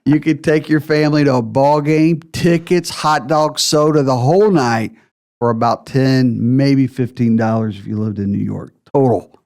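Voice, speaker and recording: A man's voice: medium pitch, steady tone, moderate pace, darkish tone. A man hosting a retirement planning podcast, explaining figures step by step with emphasis.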